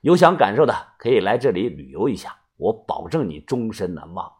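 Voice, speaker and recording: A man narrating a first-person audio novel in a colloquial, chatty storytelling manner with a husky voice. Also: fairly low pitch, very animated, fairly quick, a little mellow.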